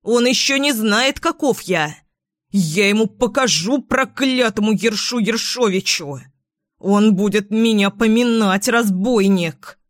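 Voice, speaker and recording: A woman voicing a hot-tempered male sparrow who shouts and complains indignantly in a storybook. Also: medium pitch, unhurried, dry recording, clean studio sound, close to an everyday voice. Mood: furious.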